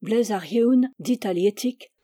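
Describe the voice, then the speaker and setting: Woman narrator, measured literary audiobook reading, warm and dry. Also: fairly high pitch, no echo. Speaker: reader.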